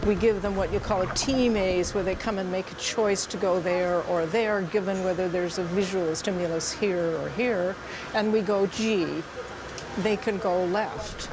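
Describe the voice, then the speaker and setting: A woman's voice: medium pitch, fairly even intonation, moderate pace. Woman researcher explaining over noticeable background noise. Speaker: professor, animal researcher. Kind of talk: explanatory interview talk. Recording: clear background ambient noise.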